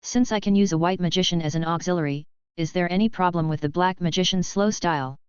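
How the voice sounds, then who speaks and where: Woman reading as an unrestrained older male gamer, audiobook, lowish voice, dull recording. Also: fast talker, clean tone, no room sound, natural voice. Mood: musing. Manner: musing, easygoing.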